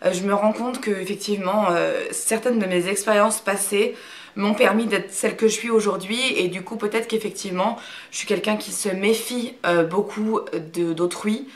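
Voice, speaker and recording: A woman's voice: mid-range voice, steady tone, moderate pace. A woman in her thirties from Brittany, talking to camera in a casual, hesitant way with lots of fillers, frank and reserved. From Brittany, France. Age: 30s. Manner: hesitant, many fillers and restarts. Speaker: YouTuber. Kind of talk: casual talk to camera, answering a question tag.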